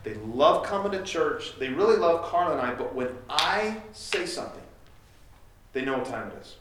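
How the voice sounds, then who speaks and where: Male pastor, sermon delivery, earnest and direct, slightly high pitch; echoey distant room sound. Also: big pitch swings, normal speed, noisy background. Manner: direct and earnest, acts out parents and kids.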